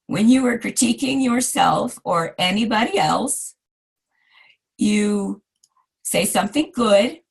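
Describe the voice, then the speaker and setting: A hoarse woman in her forties giving a recorded design lecture, chatty and self-deprecating with asides to her students. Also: medium pitch. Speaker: design instructor.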